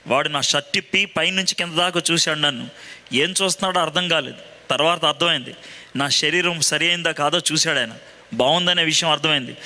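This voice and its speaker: A preacher voicing a resigned young captive. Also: male voice, a little high, sharp tone. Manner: plain, matter-of-fact first-person account. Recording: long hall reverb.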